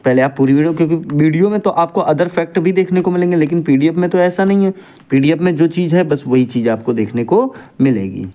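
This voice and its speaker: A male teacher running an exam-prep grammar class. He repeats each point back as a question to his students and calls them dear children. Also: brisk. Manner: lively, pitch swings up and down.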